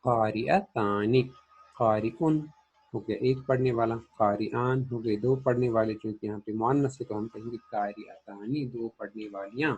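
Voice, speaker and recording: Male language teacher, warm and slightly raspy, methodical question-and-answer drilling. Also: mid-range voice, fairly even intonation, normal speed, lo-fi sound. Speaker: Arabic grammar teacher. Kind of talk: classroom grammar lesson.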